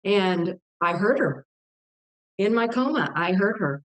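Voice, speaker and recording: A woman's voice: medium pitch, lively intonation, takes it slowly. An older woman from Texas shares a personal testimony as an interview guest. She tells it earnestly and with feeling, acting out the voices in her story with vivid quoted dialogue. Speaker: guest author.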